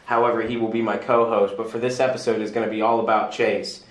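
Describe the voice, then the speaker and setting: A man's voice: fairly low pitch, level tone, fast talker, echoey room. A man in his early twenties hosting a casual podcast chat, rambling and joking and often cutting himself off mid-sentence. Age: 20s. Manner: rambling, self-interrupting, joking. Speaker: podcast host.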